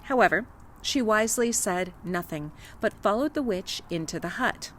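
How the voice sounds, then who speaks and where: A woman storyteller reading a folktale aloud in an expressive, dramatic narrating style. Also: mid-range voice, normal speed, slight background noise.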